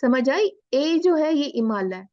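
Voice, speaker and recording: A woman teaching a Quran recitation lesson, drawing out the letter sounds slowly as she demonstrates them. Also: high voice, very animated, a little mellow, dry recording. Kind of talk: explaining a lesson. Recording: dull lo-fi recording.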